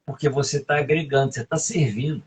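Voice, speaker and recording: A man's voice: mid-range voice, fast talker, slightly rough. A man, giving emphatic leadership advice as a guest in a live interview, often asking "right?". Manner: emphatic, coaching, fond of tag questions.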